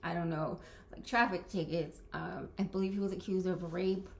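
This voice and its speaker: A woman's voice: fairly low pitch, fairly even intonation, normal speed, creaky, slight background noise. A woman giving an informal spoken lesson to camera, hesitant, with many fillers and restarts. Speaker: presenter.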